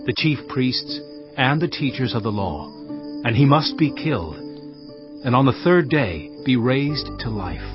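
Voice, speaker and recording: An actor playing Jesus as a grave, earnest teacher with solemn, emphatic delivery in a dramatized audio Bible. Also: male voice, medium pitch, animated, a little slow, natural voice. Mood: solemn teaching. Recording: dull sound under prominent music. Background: music.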